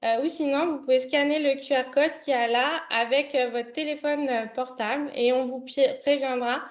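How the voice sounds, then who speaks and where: A woman's voice: sits high, steady tone, moderate pace, muffled recording. A young woman hosting an online video conference, speaking hesitantly with many fillers. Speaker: online event host. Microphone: computer mic on a video call.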